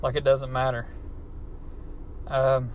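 In a slow, monotone, mid-range voice with a darkish tone, a man with an Appalachian hillbilly American accent records his podcast inside a car. The monologue is unscripted, casual, profane and self-deprecating, and car noise runs under the amateur recording.

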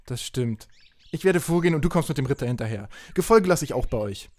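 A man voicing a decisive adventurer commander who gives orders in a brisk, commanding way. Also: medium pitch, animated, darkish tone, slight background noise, voice pushed up, lightly acted.

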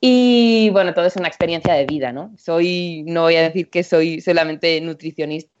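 Woman from catalonia, deep voice, enthusiastic radio guest, dull lo-fi sound. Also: moderate pace, darkish tone, slight background noise. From Spain (Catalonia, Empordà). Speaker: guest, nutritionist. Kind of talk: casual radio chat.

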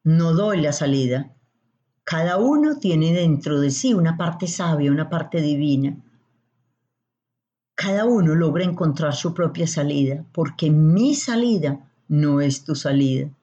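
A woman explains how to support others emotionally, in a calm, measured voice that often turns to rhetorical questions. Her voice is low and mellow and she talks slowly. The recording sounds dull and lo-fi. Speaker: emotional coach. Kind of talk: slow explanatory talk. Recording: dull lo-fi audio.

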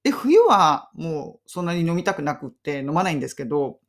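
A woman hosting a casual podcast lesson on English phrases, chatty and upbeat, laughing often and slowing down to drill phrases. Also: low voice, sing-song.

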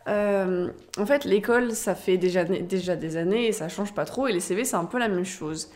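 A young adult woman co-hosts a casual podcast debate, her medium-pitched voice slightly mellow and at a normal pace. She speaks spontaneously, teases her partner, and jumps from one idea to the next.

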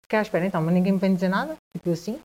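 A woman with a European Portuguese accent, telling a personal story as a guest in a conversation, with halting speech, frequent restarts and repeated words. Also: mid-range voice, animated, darkish tone.

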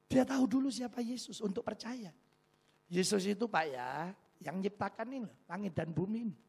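Gravelly, high-voiced male preacher. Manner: humorous, asks the congregation rhetorical questions. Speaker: pastor. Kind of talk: sermon.

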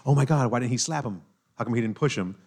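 A man from New York hosting a casual podcast chat, animated, repeating himself and filling with "like" and "right?". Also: mid-range voice, fast. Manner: animated, talks with hand-wavy fillers and repeats himself. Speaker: podcast host.

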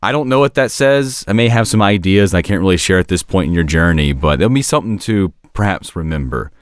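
A man with a low, resonant voice talks through ideas as a podcast host. He is casual and analytical, halting to find the right word, and the recording is very dry. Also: animated, smooth, no room sound. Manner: hesitant, searching for words, self-correcting. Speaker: podcast host discussing an animated series.

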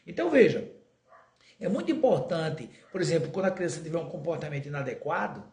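A man with a fairly high voice gives an earnest spiritist talk on raising children. He often slows down and stretches words for emphasis. The room around him is echoey. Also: expressive, a little mellow. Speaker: spiritist lecturer.

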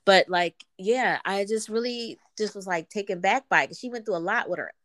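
A woman co-hosting a podcast chats casually while congested from a cold, rambling informally and using many fillers. Her mid-range voice is a bit bright and fairly quick.

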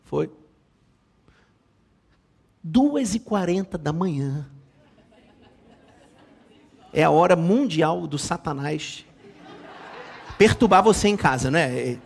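A middle-aged bishop delivers a sermon full of comic family anecdotes. His voice sits high for a man and leaps all over the place, playful one moment and bursting into loud exclamations the next. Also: expressive, takes it slowly, gravelly, long pauses, breathy edge. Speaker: bishop preaching.

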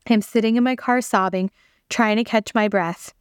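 A woman hosts a podcast, sharing her personal faith testimony earnestly and conversationally while addressing her listeners directly. Her medium-pitched voice is steady, clear, and resonant at a normal speed, recorded dry with clean studio sound.

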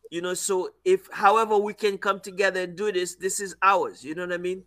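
A Haitian coffee business owner in his fifties talks casually in an interview, halting and repeating words. His voice is high, steady in tone, and pushed and bright.

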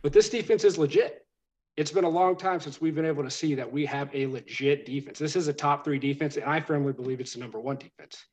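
A man in his thirties co-hosting a casual sports chat, talking quickly and with obvious excitement. His voice sits a little high, and he drops the odd casual curse. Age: 30s.

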